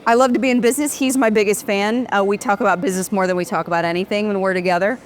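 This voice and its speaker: A woman's voice: mid-range voice, steady tone, racing, a little hiss or hum. A woman in her forties from Dallas, talking casually and upbeat as a guest in an interview, laughing easily. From Dallas, Texas. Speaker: podcast guest, company founder. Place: restaurant.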